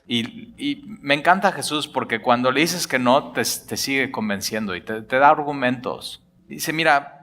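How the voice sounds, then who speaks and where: Pastor guy preaching, bright voice, acts out the dialogue, playful. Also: a little high. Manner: animated storytelling, acting out dialogue with jokes. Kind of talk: sermon.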